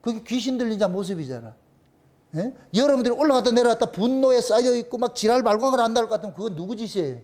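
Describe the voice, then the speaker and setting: High-voiced Gyeongsang pastor preaching emphatically. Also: male voice, expressive, fast, darkish tone. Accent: Gyeongsang Korean. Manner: emphatic, asks the congregation rhetorical questions and answers them himself; repeats phrases for emphasis. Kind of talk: sermon.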